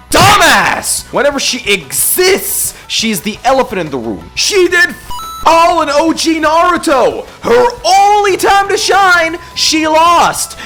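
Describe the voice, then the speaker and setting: A young adult YouTube host delivers scripted roast commentary that is sarcastic and mocking. The delivery jumps between loud outbursts and low mutters.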